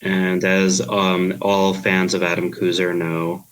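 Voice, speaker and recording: A man from Queens, New York, with a Queens accent, chatting on a podcast in a sleepy, deadpan monotone. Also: deep voice, slow pace, low-quality recording. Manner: deadpan, dry. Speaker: podcast co-host. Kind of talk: casual podcast chat.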